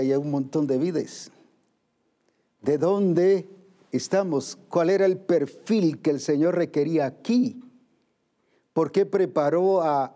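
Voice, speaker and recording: A man's voice: a little high, mellow. A man preaching a sermon, asking questions and acting out the voices of worried believers.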